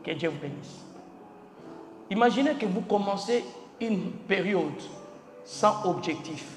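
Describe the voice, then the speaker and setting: Male pastor, very high voice, emphatic sermon with shouts and drops; reverberant church hall. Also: lively intonation, measured pace. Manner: emphatic preaching, swinging from shouts to near-quiet; spells out words letter by letter, asks the congregation questions. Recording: echoey church hall with faint music.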